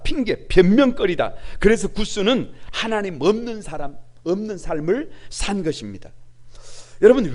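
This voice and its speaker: Impassioned high-voiced male pastor preaching. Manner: impassioned, full of rhetorical questions, swings between hushed and loud. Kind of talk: sermon.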